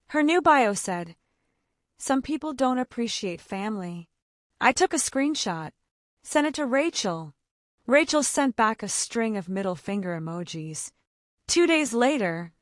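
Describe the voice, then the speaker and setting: A young woman narrating her own story in the first person, in short, quiet, reflective sentences. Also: medium pitch, dry recording, clean studio sound. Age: young adult.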